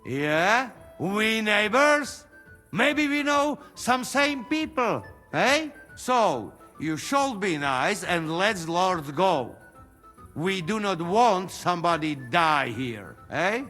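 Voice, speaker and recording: An actor playing a friendly, persuasive mercenary who speaks broken English in a game. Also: male voice, sits high, sing-song, slow, pushed and bright, long reverb tail, soft background music, full character voice. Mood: coaxing. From Trenčín.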